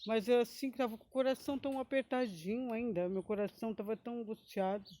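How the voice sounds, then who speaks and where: A woman's voice: fairly high pitch, fast talker, dark tone. Emotional woman sharing a testimony. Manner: emotional, rambling, often adds "né?" and "sabe?"; breaks into praise exclamations. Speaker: believer giving a testimony. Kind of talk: personal spoken testimony.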